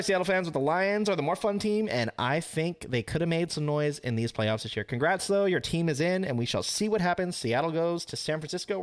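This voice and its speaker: A young man hosting a casual podcast chat, laughing often and swearing freely. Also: on the high side. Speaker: podcast host.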